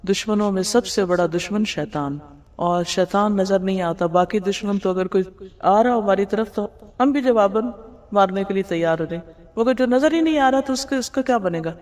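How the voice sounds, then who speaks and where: A woman's voice: medium pitch, a little mellow. A woman giving a religious lecture, explaining hadith, asking rhetorical questions and mixing in English words. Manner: mixes English words into her talk. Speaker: Islamic teacher. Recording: long hall reverb.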